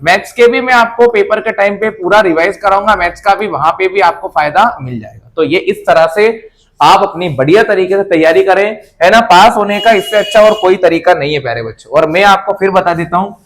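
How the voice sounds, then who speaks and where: A man's voice: high voice, brisk, a bit bright. A male teacher giving exam preparation advice to students in an informal, reassuring way, often repeating himself and checking in with "है ना".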